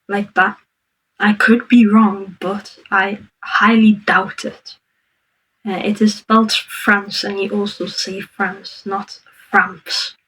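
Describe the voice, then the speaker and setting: Woman host reacting to a clip, flat and hesitant with many ums, slow careful explaining, mic set back a little. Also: mid-range voice, breathy edge, distant mic, low-quality recording. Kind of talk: commenting on a played clip.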